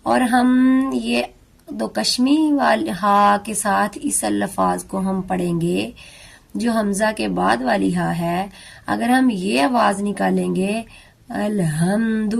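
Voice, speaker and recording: A woman teaching a beginner Quran recitation lesson, slowly and carefully sounding out letters and words. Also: medium pitch, vocal fry.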